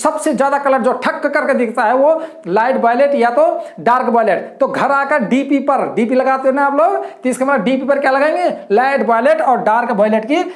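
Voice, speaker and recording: Lady teacher going over a lesson, keeps repeating herself, talks to the kids, high voice, roomy echo. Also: fairly quick, hardly any pauses. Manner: repetitive, keeps addressing the students as children. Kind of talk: classroom-style lesson explanation. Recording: echoey room.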